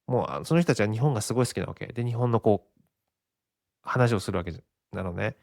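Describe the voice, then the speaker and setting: A man's voice: fairly low pitch, expressive, fast talker, gravelly, darkish tone, no echo, clean studio sound. A Japanese man in his forties hosting a casual solo podcast, rambling and chuckling often at his own expense. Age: 40s. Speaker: podcast host.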